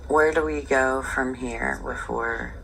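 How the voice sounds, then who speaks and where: A woman's voice: extremely low pitch, fairly even intonation, takes it slowly, gravelly, a bit bright, a little hiss or hum, poor audio. A woman speaking in a reality TV interview style, played back from a television show. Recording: TV show playback with music underneath.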